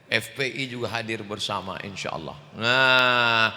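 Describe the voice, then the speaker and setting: A man preaching a humorous sermon at a large mosque gathering, loud and booming, joking and acting out little dialogues into a handheld microphone. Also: measured pace. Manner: jokes and acts out little dialogues. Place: large mosque event with crowd. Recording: long hall reverb.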